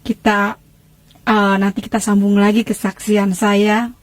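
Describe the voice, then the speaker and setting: A woman giving a personal faith testimony, retelling her story in an emotional, animated, colloquial way. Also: medium pitch, unhurried, no echo.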